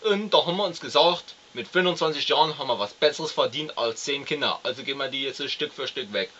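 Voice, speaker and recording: A man's voice: mid-range voice, fast, sharp tone, dull audio, pitched above the performer's own voice. A man playing a callous, lazy young unemployed father in a comedy sketch, complaining and stammering.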